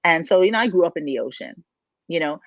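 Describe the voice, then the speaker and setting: Speaking at a brisk pace, a woman from the Bahamas with a lowish, expressive voice drives home her points on a motivational podcast she co-hosts as a life coach. Rhetorical questions come often, and the recording is dry, dull and lo-fi.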